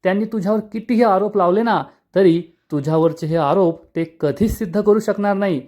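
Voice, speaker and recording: A man's voice: high voice, normal speed, mellow, pitched above the performer's own voice, natural voice. A man voicing a scheming middle-aged woman who gloats with self-satisfaction. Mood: gloating.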